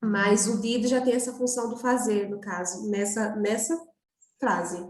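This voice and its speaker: A woman's voice: mid-range voice, steady tone, a little slow, a little mellow, reverberant. A woman with a Brazilian Portuguese accent, a student in an online class, asking follow-up questions.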